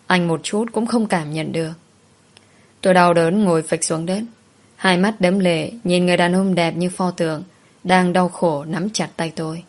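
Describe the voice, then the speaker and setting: Low-voiced woman narrating a sad story. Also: steady tone, moderate pace. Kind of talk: scripted first-person audio story narration.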